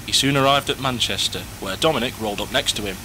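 A man's voice: mid-range voice, fast, noisy background. A man reading scripted story narration as the narrator.

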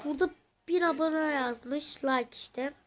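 A host giving live gameplay commentary to viewers, excitable and crying out when losing, asking for likes and subscribes. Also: high voice, measured pace. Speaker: gaming channel host.

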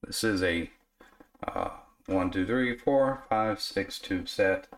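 Speaking slowly, a radio repair technician talks casually through his work at the bench of a home repair shop. His voice is low and hoarse from being sick, and his explanations are relaxed and full of filler.

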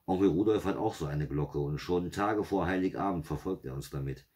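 A man reading a story, voicing a nervous mother in an anxious, hushed manner. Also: sits low, brisk, lightly acted.

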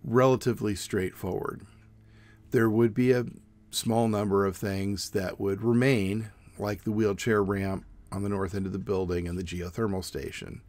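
A middle-aged man giving a measured, plain informative presentation outdoors. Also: fairly low pitch, level tone, darkish tone. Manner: measured, plain explanatory delivery. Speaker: student presenter. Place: outdoors in front of a brick building.

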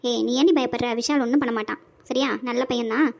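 A woman's voice: fairly high pitch, steady tone, quick pace, vocal fry, a little mellow. A woman voicing a young wife and mother in a cartoon, bossy but sweet, chirpy and scolding.

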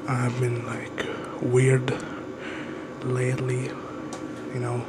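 A young man hosting ASMR, whispering and chatting softly up close in a laid-back, slangy, repetitive way. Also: medium pitch, completely flat delivery, drawn-out words, very noisy. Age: young adult. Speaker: ASMR channel host. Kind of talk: ASMR, whispered and softly spoken casual chat. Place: small plain room indoors. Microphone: close up to the mic.

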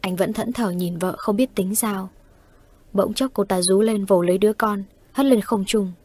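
A woman storyteller reads ghost stories at an even, unhurried pace. Her voice sits at a middle pitch. It is recorded close and dry, with no echo at all. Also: slightly rough. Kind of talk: horror story narration.

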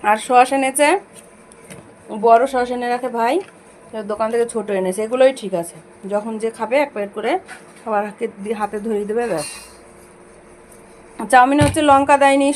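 A chatty woman talks through her day at her family home, showing things to her viewers in a fairly high voice. She sounds slightly hoarse. A faint hum of noise sits under her voice. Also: fairly even intonation, fairly quick, long pauses. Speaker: vlogger. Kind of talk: casual home vlog chat.

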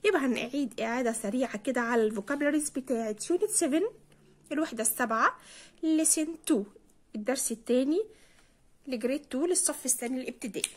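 A young Egyptian woman with an Egyptian Arabic accent, an English teacher explaining a lesson to children, spelling words out slowly and repeating them. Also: sits high.

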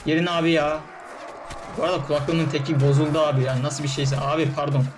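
A man's voice: on the high side, flat delivery, fast, music in the background. Fired-up man commenting on gameplay. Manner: frustrated, swearing, talking to game troops.

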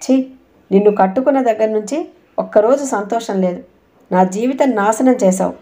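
Woman voicing a sharp, scornful young wife in a storybook reading, warm mellow tone, biting indignant retorts, steady middle pitch. The wife is furious and cutting. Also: moderate pace, close to an everyday voice. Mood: angry scornful. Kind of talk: audiobook character reading.

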